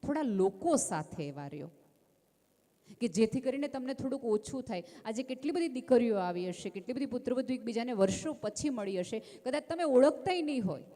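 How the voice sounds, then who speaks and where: A woman giving a gentle, calm inspirational talk from a stage, telling stories and calling her listeners friends. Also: fairly high pitch, moderate pace. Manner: intimate, addresses listeners as friend. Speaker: speaker at a community religious festival. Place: stage at a large festival gathering. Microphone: stage microphone with PA. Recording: long reverb of a large venue.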